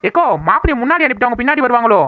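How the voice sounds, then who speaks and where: A woman's voice: a little high, animated, no echo, narrow, tinny audio, close to an everyday voice. Woman playing a bossy village busybody. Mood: plotting. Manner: quick, bossy, scolding. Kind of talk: cartoon voice acting.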